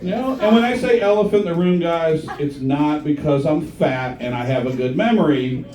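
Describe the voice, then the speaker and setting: A man's voice: on the high side, animated, moderate pace. Crude stand-up man in a roomy bar. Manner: crude, punchy delivery with crowd banter. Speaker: stand-up comedian. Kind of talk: stand-up comedy set. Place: comedy bar with a live audience. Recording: roomy live club sound from a distance. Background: audience laughing.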